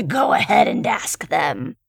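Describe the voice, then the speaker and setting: A woman voicing a giggly, cackling male monster who hunts people on a road, taunting slowly. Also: low-pitched, wildly swooping pitch, creaky, husky, no room sound, clean studio sound, full character voice. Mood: mocking. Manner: slow, gloating drawl with giggles.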